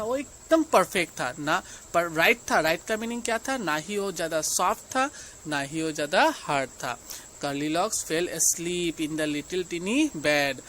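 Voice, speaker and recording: A woman teacher with an Indian English accent reads a class storybook to young pupils, reading the English lines slowly and then explaining each part in Hindi. Her voice is on the low side and a bit bright, with a little hiss or hum.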